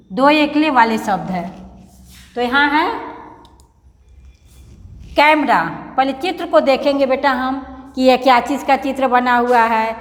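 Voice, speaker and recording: A high-voiced woman teaches small children, breaking words into letters and repeating them patiently. She speaks with gentle affection, calling her pupils "beta". The sound rings through an echoey room with a long reverb tail. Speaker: primary school teacher. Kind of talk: recorded online lesson for young children.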